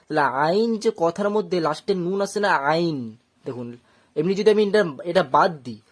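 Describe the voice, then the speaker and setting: A Quran reading teacher giving an online lesson, explaining step by step with patience and drawing out each letter sound at length when reciting. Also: medium pitch.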